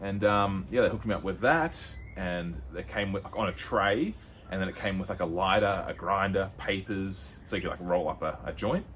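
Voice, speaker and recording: A young Australian man co-hosting a podcast, telling a rambling story with lots of fillers and quick put-on voices. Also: low-pitched, fairly bright tone, a little hiss or hum. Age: young adult. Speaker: podcast co-host. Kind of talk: casual chat.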